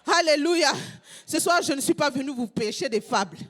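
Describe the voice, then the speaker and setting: A woman pastor from Congo preaching a fervent sermon, repeating phrases in a half-sung shout. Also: high voice, animated, normal speed, faint music behind.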